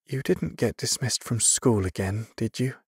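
A gentle, polite mother speaks in a soft, lifted voice that sits above the reader's own, as a male narrator puts her on. Her words come out quiet and worried. The recording is dry and close. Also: medium pitch, brisk, dry recording, pitched above the performer's own voice, lightly acted. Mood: anxious.

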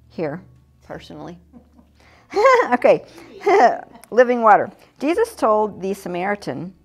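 A middle-aged American woman with a lowish, gravelly voice and a breathy edge is teaching a children's church lesson in a classroom. She keeps it chatty and informal, laughing easily, like a casual teaching demonstration. A fixed camera picks her up from mid distance.

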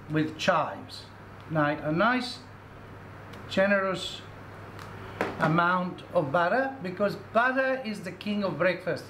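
A man's voice: high voice, a bit bright, a little hiss or hum. A middle-aged man, hosting a cooking demonstration and chatting instructively as he cooks in a commercial kitchen. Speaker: cooking show host. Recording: echoey kitchen with faint sizzling.

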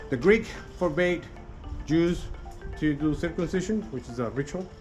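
A man's voice: fairly high pitch, a little mellow, low-quality recording. Chatty man guiding a walking tour. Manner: chatty, addresses listeners as "guys", many "okay" and "right" tags; frequent restarts and small laughs. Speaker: tour guide. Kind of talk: casual guided-tour history talk. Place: outdoors on a city street.

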